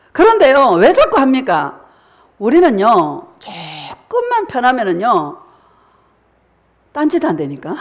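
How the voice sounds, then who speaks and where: A middle-aged woman pastor giving a sermon, asking the congregation questions and answering them herself, sometimes acting out what believers say. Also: a little high. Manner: preaching with rhetorical questions and call-and-response; acts out voices of congregants in quoted prayers.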